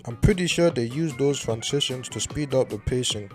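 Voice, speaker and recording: A young man gives casual YouTube commentary on a cartoon, dry, sarcastic and freely swearing, at a moderate pace. His pitch is ordinary mid-range with a darkish tone, and faint music plays behind him.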